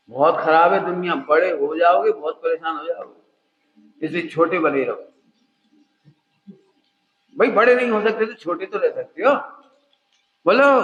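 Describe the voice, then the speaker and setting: A man's voice: high voice, a bit bright. Man giving a spiritual discourse in an echoey hall. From India. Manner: asks the audience questions and repeats points. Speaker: Jain scholar giving a discourse. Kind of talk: religious discourse.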